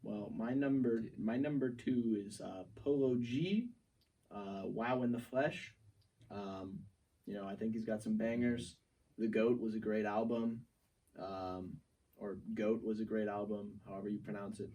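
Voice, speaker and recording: A man's voice: on the low side, measured pace, husky, recorded from a distance. A young man co-hosting a student podcast, joking in slangy casual talk. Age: young adult. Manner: joking, slangy, bursts of excitement. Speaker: co-host. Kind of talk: casual chat.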